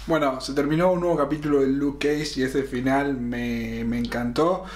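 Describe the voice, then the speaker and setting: A man's voice: mid-range voice, fairly even intonation, moderate pace, darkish tone. Chatty young man in an echoey room. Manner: chatty, thinking aloud with fillers. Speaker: series reaction host. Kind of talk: casual review. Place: room lined with collectible shelves. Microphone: fixed camera, seated facing it.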